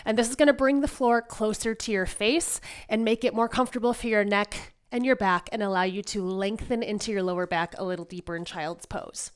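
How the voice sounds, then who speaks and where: Speaking a little fast at medium pitch, a woman with a clear, resonant tone leads a yoga class while recovering from a cold. She keeps her guidance relaxed and reassuring.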